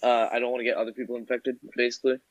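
A man's voice: mid-range voice, level tone, very fast, muffled recording. A teenage boy chatting on a video call, rambling and hesitant, often restarting his sentences. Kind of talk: casual chat over a video call.

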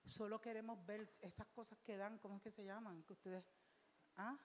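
Mujer predicadora, acento de Rico, sermón repetitivo y apasionado, reverberación de templo. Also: female voice, medium pitch, steady tone, normal speed, a little hiss or hum. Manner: emphatic, repetitive preaching with rhetorical questions. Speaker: pastor. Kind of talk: sermon. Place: church.

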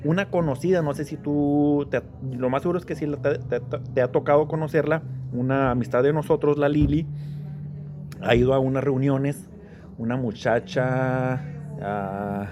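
A man telling stories in relaxed conversation, often chiming in with quick agreement. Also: medium pitch, noisy background. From Mexico. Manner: conversational storyteller, frequent affirmations. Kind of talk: casual chat.

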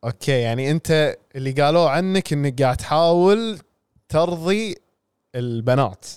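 A man, talking fast and a little high as a podcast co-host. He is encouraging and echoes the other speaker's words back. The sound is dry and close to the mic. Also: lively intonation, a little mellow, clear, resonant tone. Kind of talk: casual podcast chat.

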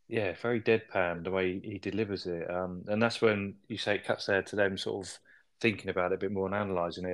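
Deep-voiced man, easygoing. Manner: easygoing, often adds tag questions. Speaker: podcast host. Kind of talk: casual recap chat.

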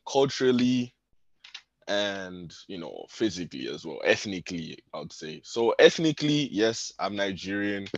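A man in his twenties, from Spain, talking about himself as a podcast guest in a relaxed way, with lots of fillers and frequent laughs. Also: lowish voice, no echo. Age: 20s. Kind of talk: casual conversation. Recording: dull lo-fi dry sound.

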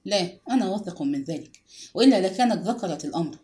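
A woman reading an audiobook and voicing a reserved retired army major, an older man who answers curtly and sharply in a lowered voice. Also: expressive, fast talker, lightly acted. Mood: curt, shaken. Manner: curt, sharp.

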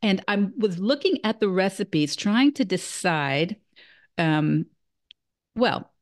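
Taking it slowly, a woman with a medium-pitched voice and lively intonation hosts an interview podcast. She is hesitant, frequently starting her sentences over, and heaps generous praise on her guest.

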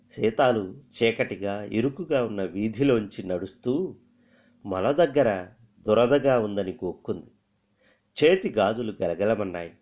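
A man narrating a story aloud with expressive shifts in pitch and loudness. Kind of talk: dramatic story reading.

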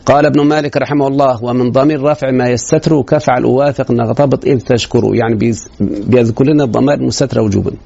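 A man's voice: medium pitch, fairly even intonation, rapid-fire, gravelly, hardly any pauses, warm tone, slightly rough. A man with an Egyptian Arabic accent teaching a grammar lesson in a classroom, quizzing students with rhetorical questions. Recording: dull lo-fi recording.

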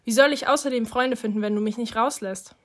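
A woman's voice: on the high side, brisk, close to an everyday voice. A woman reading an audiobook, voicing a brooding fifteen-year-old boy who questions and pushes back in a sullen way. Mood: frustrated.

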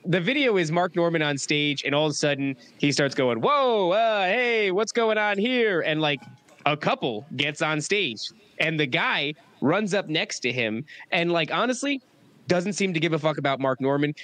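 A man's voice: on the high side, expressive, moderate pace, a bit bright. A young man hosting a podcast, chatting casually and swearing as he tells stories. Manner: profane, rambling, talks through stories. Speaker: podcast host. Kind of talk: casual chat.

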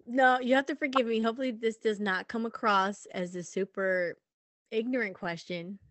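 A woman's voice: a little high, steady tone, moderate pace, a bit bright, dry recording. A woman hosting an interview who asks polite, careful questions. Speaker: podcast host.

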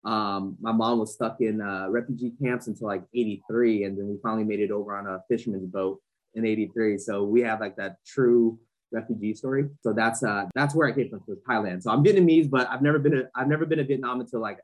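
Talking fast over poor audio, this Southern California-raised man in his forties speaks in a fairly low, steady voice. He is a fashion entrepreneur guesting on a podcast, and his casual interview chat rambles with lots of fillers and restarts.

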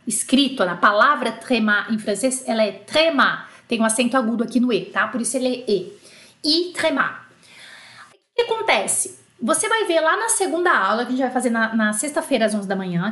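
A Brazilian woman with a Brazilian Portuguese accent teaching an online French lesson, explaining patiently and spelling out letters slowly. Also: a little high, animated, a bit bright, echoey room.

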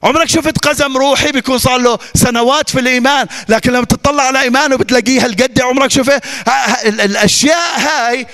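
High-voiced Levantine preacher in echoing hall. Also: male voice, steady tone, very fast, few pauses, a bit bright. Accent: Levantine Arabic. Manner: emphatic preaching with repetition and rhetorical questions. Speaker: pastor. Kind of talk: sermon. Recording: long reverb of a large hall.

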